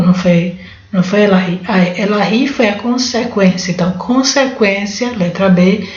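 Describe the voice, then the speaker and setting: A woman's voice: mid-range voice, a little mellow. A Brazilian woman teaching exam-prep Portuguese, working through questions in an informal, thinking-aloud way with frequent restarts. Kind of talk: spoken lesson going through exam questions. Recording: roomy, dull lo-fi recording.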